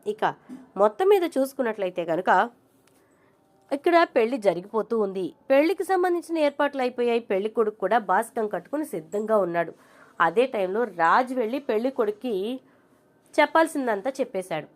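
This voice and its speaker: A woman's voice: medium pitch, moderate pace. A woman casually retelling a television serial's plot, narrating events and acting out the characters' lines in turn. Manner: lively, acts out dialogue in turn.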